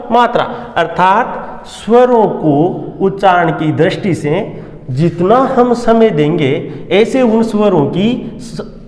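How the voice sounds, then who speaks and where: A man teaching Sanskrit grammar as a classroom lecture, posing questions and answering them himself, sometimes chanting verses in a sing-song tone. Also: high-pitched. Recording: echoey room with long reverb.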